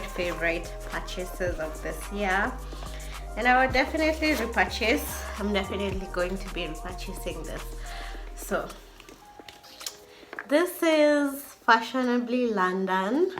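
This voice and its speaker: A woman vlogger chatting casually to camera in an effusive way, often repeating words for emphasis. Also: medium pitch.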